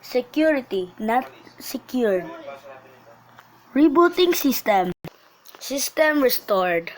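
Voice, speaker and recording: A woman voicing a cold robotic security system, with flat, clipped, metallic announcements. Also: sits high, slow, heavily acted, low-quality recording. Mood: mechanical.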